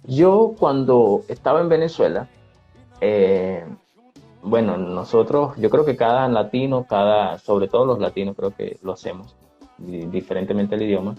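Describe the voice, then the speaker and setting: A man's voice: on the low side, normal speed. A man who teaches Spanish and hosts a live stream, talking in a frank, practical, reassuring way. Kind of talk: relaxed conversational advice. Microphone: phone or webcam on a live stream. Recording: dull lo-fi live stream audio with faint music.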